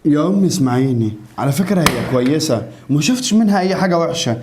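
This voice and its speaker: A man's voice: fairly high pitch, expressive, fast, noisy background, lightly acted. A man with an Egyptian accent playing a young husband who gives in to his mother. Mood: earnest. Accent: Egyptian Arabic.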